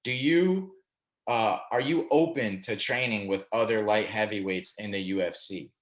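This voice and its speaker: A man hosting an interview show, asking questions and affirming answers with quick agreement. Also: lowish voice. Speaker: podcast host. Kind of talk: casual interview.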